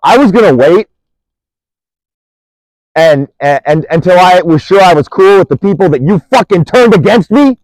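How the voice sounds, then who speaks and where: A man's voice: high voice, lively intonation, moderate pace, long pauses, a little mellow, slight background noise, poor audio. A man delivering an angry, profane monologue, accusing and rambling, restarting sentences as he goes.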